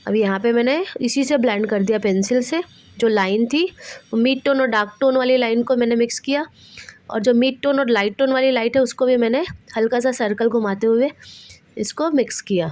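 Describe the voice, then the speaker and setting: Woman, drawing tutor, patient, gentle instruction, somewhat high pitch. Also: brisk. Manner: patient, addresses viewers as children. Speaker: drawing teacher.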